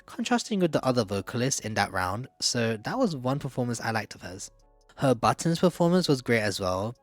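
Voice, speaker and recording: A man's voice: medium pitch, fairly bright tone, no room sound. A man giving casual, candid opinion commentary in a chatty way, often hedging with "like" and "I don't know". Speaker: video essayist.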